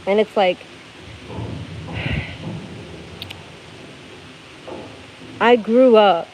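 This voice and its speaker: A woman's voice: mid-range voice, drawn-out words, a little mellow. A woman in her thirties telling a personal story to her viewers in a candid, profane, casual way, often checking in with "okay?" and "baby". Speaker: vlogger. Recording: slightly muffled with faint hiss.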